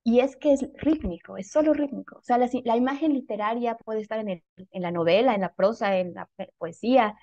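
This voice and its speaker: Woman writer, reflective interview guest, warm dry voice, self-correcting. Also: fairly high pitch, a little fast, few pauses, no room sound, dull audio. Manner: thoughtful, animated, frequent fillers and self-corrections. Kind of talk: casual conversational interview.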